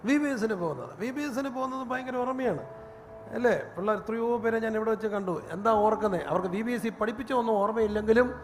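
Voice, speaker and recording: Man, pastor, sermon, high voice, long hall reverb, faint room noise. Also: a little fast. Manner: animated storytelling, rising to a shout.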